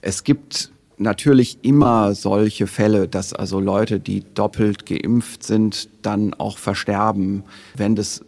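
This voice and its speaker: Expert guest, male, lowish husky gravelly voice, measured and careful. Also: steady tone, darkish tone. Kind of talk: podcast interview, explaining data.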